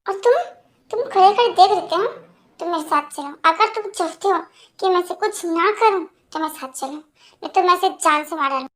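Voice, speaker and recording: A woman voicing a hot-tempered, possessive young man in an amateur fan dub, speaking angrily and forcefully. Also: very high voice, slow pace, voice pushed down, exaggerated voice. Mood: angry. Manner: angry, forceful, then pleading.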